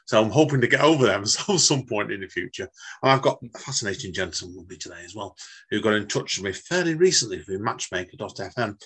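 A man's voice: on the low side, animated, fast talker, a bit bright, slightly rough. A man from England hosting a podcast, chatting casually and rambling with many fillers and restarts. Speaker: podcast host.

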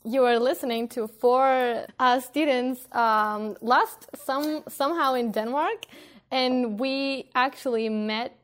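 A Spanish woman in her twenties hosts a casual podcast with friends, speaking slowly in a high-pitched voice. The chat is loose and full of laughter and filler words.

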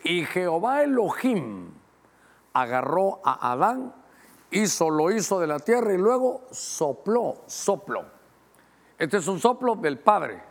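Middle-aged Guatemalan-born pastor, man, higher-pitched, teaching sermon, measured scripture reading, quick asides to the tech crew. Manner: teaching, directing helpers to show verses on screen; slows down to read scripture, speeds up in asides.

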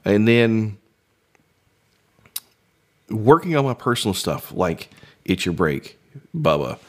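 A man's voice: lowish voice, sing-song, takes it slowly. A man hosting a casual solo podcast, sounding a bit congested, rambling playfully from one tangent to the next and slipping into silly voices. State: slightly congested. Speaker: podcast host. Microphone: studio microphone.

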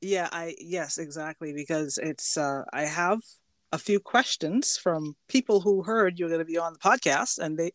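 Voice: medium pitch, measured pace, no room sound. A middle-aged podcast host from the Bahamas, chatting and laughing easily while asking questions. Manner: chatty and warm, with frequent fillers and laughs. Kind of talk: casual interview.

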